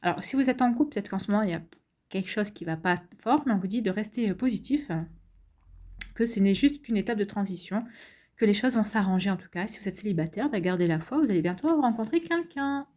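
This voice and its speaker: A woman's voice: medium pitch, expressive, fast talker, mellow. A woman giving a casual, chatty card reading to her viewers, full of fillers and restarts and a reassuring tone. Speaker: tarot card reader.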